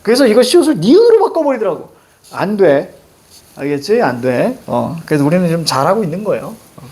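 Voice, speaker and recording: A middle-aged man with a Seoul accent teaching a Korean language lesson, animated and joking with students, repeating cue words. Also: sits high, a little fast. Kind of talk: lively classroom lecture.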